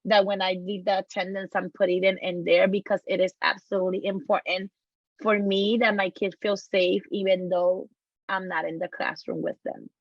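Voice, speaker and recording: A woman educator speaking in an online session, encouraging and a little halting. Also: mid-range voice, little pitch movement, dry recording. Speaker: educator, presenter. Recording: dry, muffled lo-fi audio.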